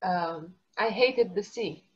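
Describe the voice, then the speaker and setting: A woman's voice: mid-range voice, takes it slowly, breathy edge. Woman guest, slightly dull recording. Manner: tells a personal story with nervous laughs. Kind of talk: casual chat.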